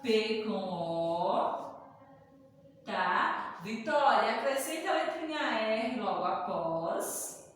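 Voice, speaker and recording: A woman teacher who calls herself "tia" patiently spells out syllables letter by letter for young children in a recorded reading lesson, coaxing and praising them. Her mid-range voice has lively intonation and is very slow, and she sounds distant from the mic in an echoey room with long reverb and a little hiss or hum.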